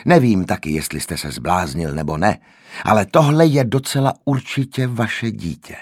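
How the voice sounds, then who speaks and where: A man's voice: lowish voice, animated, breathy edge, no room sound, studio quality. A man voicing a stern hospital nurse who speaks firmly and insistently. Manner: stern, firm.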